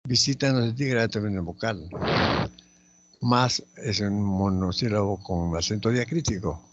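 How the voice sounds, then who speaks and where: A man teaching a spelling lesson, slowly and methodically going through each word and repeating it aloud. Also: fairly low pitch, lo-fi sound. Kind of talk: spelling lesson, explaining accent marks.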